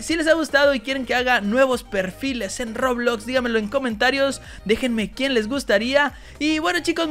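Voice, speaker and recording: A woman giving excitable let's-play commentary as a gaming YouTuber, talking straight to her viewers. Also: high voice.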